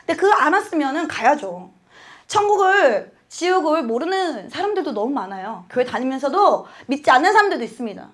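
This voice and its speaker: Woman with a high voice for a sermon testimony, animated and emotional, voices her own prayers aloud. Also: a little fast. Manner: laughs often while talking. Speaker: church speaker giving testimony.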